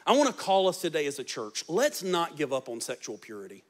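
A pastor in his forties, a little fast and with huge pitch swings, preaches a sermon into a handheld mic on a large church stage. He shifts between loud, emphatic lines and soft, low ones.

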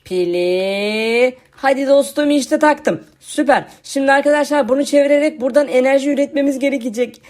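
High-voiced cheery woman gamer. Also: steady tone, fast talker, few pauses, a little mellow. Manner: cheery, urging on, addresses viewers as friends. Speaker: gaming channel host. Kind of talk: excited gameplay commentary.

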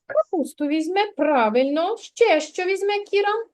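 A woman preschool teacher giving a kindergarten literacy lesson, prompting the child with slow, clear instructions. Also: very high-pitched, lively intonation.

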